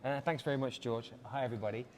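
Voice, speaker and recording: This English brand director speaks quickly with fairly even intonation and a medium pitch. At a busy watch showroom event, he leads an enthusiastic, polished walkthrough of a product, frequently saying "uh," with a bit of background noise.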